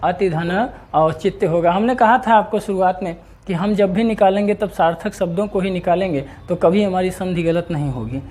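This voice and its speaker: A man teaching an exam-prep grammar lesson, lively and repeating questions to his students. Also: high-pitched, moderate pace, hardly any pauses. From India.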